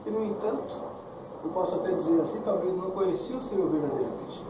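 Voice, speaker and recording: A man with a high voice preaches quickly in a conversational style, often ending his sentences with "né?". He speaks in a church hall, recorded from a distant mic with echo and clear background noise.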